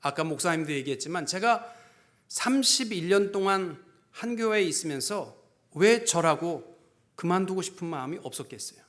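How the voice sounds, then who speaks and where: A man in his fifties, a pastor preaching a sermon, telling a story and acting out dialogue, dropping to hushed tones and rising to fervent emphasis. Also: high voice, lively intonation, normal speed.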